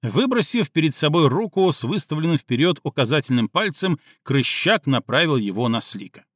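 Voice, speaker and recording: A man narrating an audiobook in a dramatic, expressive reading style. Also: on the high side, normal speed, no room sound, clean studio sound.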